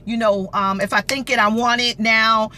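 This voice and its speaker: Bright, emphatic woman. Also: fairly even intonation, moderate pace. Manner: emphatic, repeats phrases for effect. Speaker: motivational livestream host. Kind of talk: informal motivational talk to live viewers. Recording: noisy livestream with low rumble.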